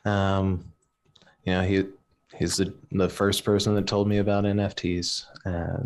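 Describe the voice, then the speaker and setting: A man who is a guest on a live-streamed podcast, talking in a laid-back, halting way with many fillers. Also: sits low, flat delivery, a little mellow. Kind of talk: casual live-stream chat.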